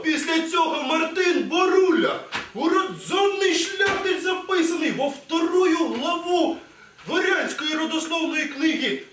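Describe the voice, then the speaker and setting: A man's voice: very high-pitched, heavily acted. A student actor playing a pompous, indignant rural would-be nobleman in a school stage play. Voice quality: blustering, indignant shouting. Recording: echoey hall, mic far off.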